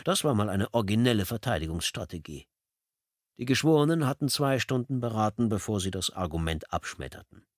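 A man narrating a first-person audiobook in a calm, measured reading. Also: on the low side, dry recording, clean studio sound.

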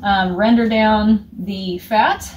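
A woman's voice: mid-range voice, steady tone, slow, a little mellow, slight background noise. Chatty woman giving a home tour. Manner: chatty, explaining step by step. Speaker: homesteader vlogger. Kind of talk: casual show-and-tell. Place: small indoor utility room.

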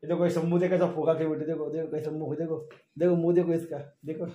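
A man's voice: on the high side, level tone, fast talker, mellow. Teasing man, echoey home room. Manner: teasing, repeats himself mockingly. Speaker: vlogger's husband. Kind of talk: teasing banter.

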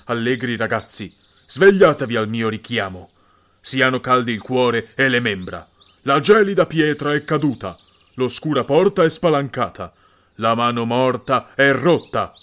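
A man voicing a jolly, commanding forest spirit in an audiobook reading, chanting in a loud, clear, authoritative voice. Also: mid-range voice, lightly acted.

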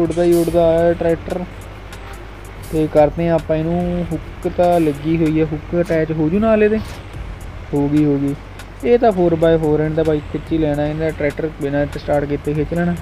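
Young man, fairly high voice, casual gaming commentary, bantering, repetitive exclamations, music in the background. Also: mellow, rough recording. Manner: bantering, exclaims and repeats short phrases. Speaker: gaming video creator. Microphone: voice-over recorded over gameplay.

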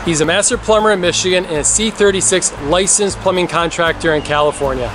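A man's voice: high-pitched, quick pace, background noise. A man, the host's son, giving a joking, upbeat introduction to the show. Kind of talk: scripted intro.

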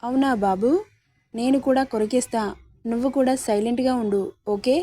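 A woman's voice: fairly high pitch, steady tone, normal speed, mellow, natural voice. A woman voicing a spirited, feisty young wife who talks back playfully, in a romance story reading.

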